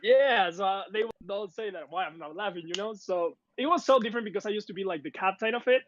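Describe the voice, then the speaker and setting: A man's voice: sits high, fast talker, no echo. A young man from who speaks natively, chatting as an esports guest in English, often searching for words. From Latin America. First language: Spanish. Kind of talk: casual interview chat. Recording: dull, dry lo-fi sound.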